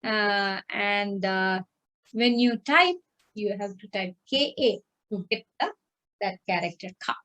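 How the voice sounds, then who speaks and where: Slow, patient woman teaching online. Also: medium pitch, expressive, bright, forceful tone. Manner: patient, repeats and checks with "okay?". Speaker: language teacher. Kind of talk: online class instruction. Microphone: video call.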